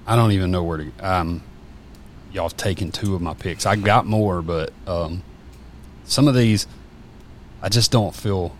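A man's voice: sits low, unhurried, pauses often. A man chatting casually on a podcast, rambling with many fillers and restarts. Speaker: podcast guest. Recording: faint background noise.

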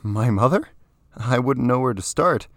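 Man doing earnest young man, curious, raised pitch, dry close sound. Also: expressive, measured pace, no room sound, natural voice.

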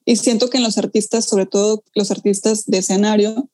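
A young woman, a pianist chatting casually and telling stories with lively quoted asides. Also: medium pitch. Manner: animated storytelling, quick asides and acted-out quotes. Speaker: pianist guest. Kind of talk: casual conversation.

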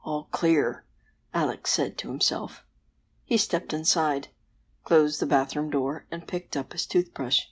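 A woman host narrating a bedtime story in a soft, gentle, unhurried way. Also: deep voice, fairly even intonation, slightly rough.

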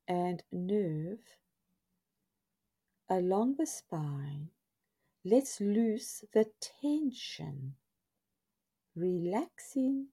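A woman narrates a scripted guided relaxation in a soft, breathy half-whisper, soothing and hushed, with drawn-out phrases and pauses. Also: lowish voice.

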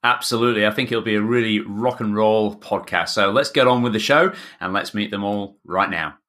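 Bright-voiced Yorkshire man hosting a podcast. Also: on the low side, brisk. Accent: broad Yorkshire. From north of England. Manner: enthusiastic, wordy. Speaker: podcast host, swimming coach. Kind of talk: chatty podcast introduction and interviewing.

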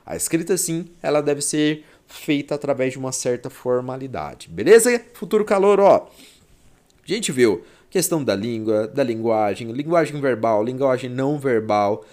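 Chatty young Goiás teacher. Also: male voice, medium pitch, normal speed, few pauses, a little mellow. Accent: Goiás Brazilian Portuguese. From Goiás, Brazil. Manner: chatty, slangy, playful. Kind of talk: exam-prep lesson.

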